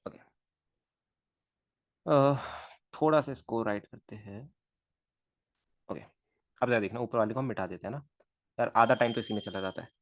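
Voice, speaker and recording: A man runs a live physics lesson online, keeping it chatty and talking under his breath as he draws out diagrams. His medium-pitched voice moves at a normal speed with frequent pauses, and the close, dry recording has no echo.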